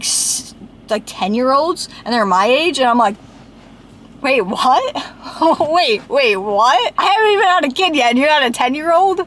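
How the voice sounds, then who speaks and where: Vlogging casually to camera, a late-twenties woman rambles in a fairly high, somewhat bright voice, with slight background noise. She's talkative, leans heavily on "like," and picks up speed whenever she starts venting.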